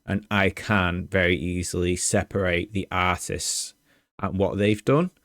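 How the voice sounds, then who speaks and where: A man co-hosting a podcast, talking in a measured, reflective way. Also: deep voice, a bit bright, no echo, clean studio sound. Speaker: podcast co-host. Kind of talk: casual chat about game music.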